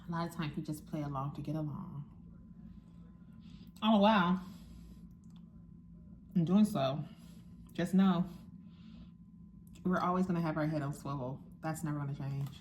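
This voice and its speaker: A woman's voice: sits low, darkish tone, a little hiss or hum. A young woman chatting casually to her viewers, talking while she eats, frank and musing. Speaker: vlogger. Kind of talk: casual chat to camera.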